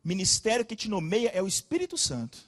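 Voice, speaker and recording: A man with a Brazilian Portuguese accent preaching a sermon as pastor, telling stories animatedly with loud emphases and soft asides. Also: high-pitched, wildly swooping pitch, brisk.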